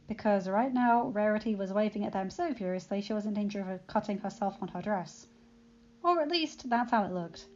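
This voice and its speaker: A woman's voice: fairly high pitch, a little hiss or hum. Woman narrating a fan fiction audiobook. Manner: expressive storytelling. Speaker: audiobook reader. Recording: slightly dull lo-fi recording, faint music.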